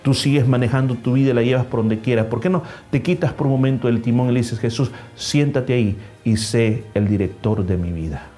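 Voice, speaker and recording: Faint music plays behind a man whose medium-pitched, dark voice moves a little fast with few pauses. Preaching as a pastor in a church service, he stresses numbered points with rising emphasis and dramatizes a story in changing voices.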